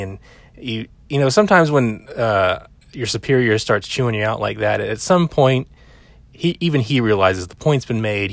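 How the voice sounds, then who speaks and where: A man's voice: on the low side, no echo. A man casually recapping a film in a rambling, chatty way, with lots of fillers and the odd curse word. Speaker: film commentator.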